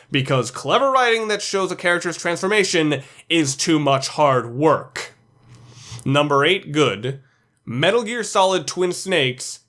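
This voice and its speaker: A video essayist with a slightly high, somewhat bright voice narrates a countdown video. His commentary is scripted and laid out item by item.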